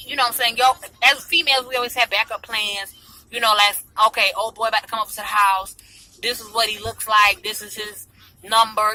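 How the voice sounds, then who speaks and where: Female vlogger, highish voice, slight tongue-piercing lisp, sassy slangy storytelling, faint car noise behind. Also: bright, forceful tone. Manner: slangy, sassy, mimics others' remarks. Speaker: vlogger telling a personal story. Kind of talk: casual animated storytelling. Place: inside a car in traffic. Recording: noisy car interior in traffic.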